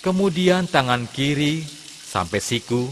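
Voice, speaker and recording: In a scripted lesson narrated for children, an Islamic religious teacher gives measured, step-by-step instruction. His voice is on the high side and expressive. The recording carries a long hall reverb along with clearly audible background noise.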